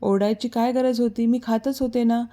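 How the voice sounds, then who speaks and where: Woman doing a shy young woman, a bit higher. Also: steady tone, normal speed, dark tone, close to an everyday voice.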